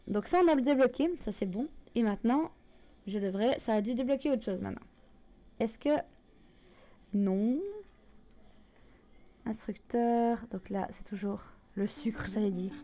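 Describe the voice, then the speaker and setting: A woman's voice: fairly high pitch, mellow. A woman casually commenting on her gameplay, chatty and self-correcting, with mild swearing. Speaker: gaming video host.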